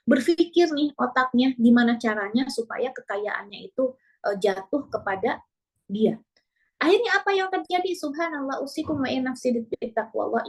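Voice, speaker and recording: Woman preacher, high voice, animated storytelling, rhetorical questions. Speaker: female preacher. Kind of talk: sermon storytelling.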